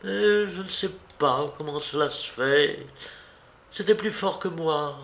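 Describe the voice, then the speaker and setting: A man reading aloud, voicing a young servant woman who speaks in a calm, commanding way. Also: a little high, takes it slowly, gravelly, roomy sound, voice pushed up, full character voice. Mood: confessing. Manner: cold, commanding, quiet.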